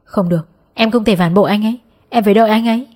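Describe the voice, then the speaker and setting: A fearful, dreamy young pregnant woman, as a woman reader plays her in an audiobook. She speaks softly and slowly, half to herself. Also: mid-range voice, natural voice. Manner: soft, slow, murmuring. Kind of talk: audiobook character voice.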